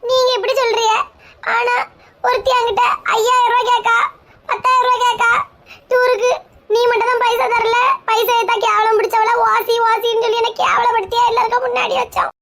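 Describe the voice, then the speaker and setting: A woman's voice: little pitch movement, fairly quick, a bit bright. A woman with a Kanyakumari Tamil accent playing a touchy, bald, middle-aged village woman who nags and bickers. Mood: grumbling. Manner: shrill, nagging, bickering.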